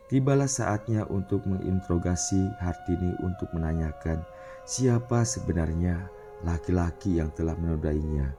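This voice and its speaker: Male storyteller, deep and mellow, animated dramatic narration, soft music bed. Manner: expressive, dramatic. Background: faint background music.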